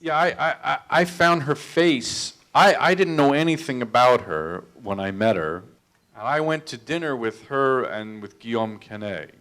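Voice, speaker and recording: A man's voice: mid-range voice, unhurried, fairly bright tone. Self-deprecating man telling stories. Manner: anecdotal, self-deprecating, restarts with stammered repeats. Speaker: film director. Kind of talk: storytelling talk at a public Q&A.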